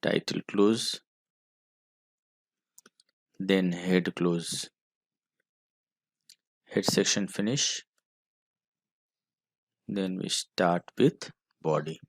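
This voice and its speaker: A man's voice: deep voice, very slow, long pauses, slightly rough, dry recording, clean studio sound. A man with an Indian English accent teaching a school computer class, dictating code step by step. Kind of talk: screen-recorded coding lesson.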